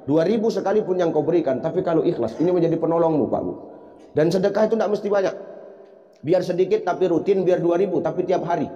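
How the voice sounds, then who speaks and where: Animated, comedic man preaching in an echoey hall. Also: sits high, fast, dull audio. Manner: animated, jokey, acts out characters, sings. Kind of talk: comedic sermon. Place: event hall at a religious gathering.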